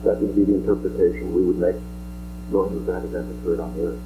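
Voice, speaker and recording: A man answering as a scientist at a press conference, measured, analytical and careful to call his conclusions tentative. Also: sits low, flat delivery. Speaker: scientist, seismic investigator. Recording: archival audio with background hum.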